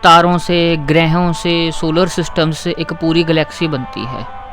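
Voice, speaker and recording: Patient grammar teacher, slightly high voice. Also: male voice, fairly even intonation, a bit bright, soft background music. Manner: patient, asks questions and keeps checking with "ठीक है?"; reads English sentences slowly and deliberately. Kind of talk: explaining grammar exercises.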